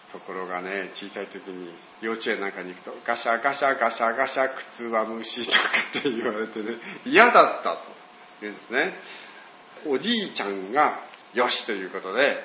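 An older man giving a slow, storytelling Bible talk as a pastor. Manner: slow, storytelling, with lively pitch. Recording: dull roomy recording with faint hiss.

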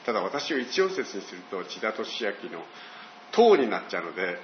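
An older man giving a slow, storytelling Bible talk as a pastor. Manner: slow, storytelling, with lively pitch. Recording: dull roomy recording with faint hiss.

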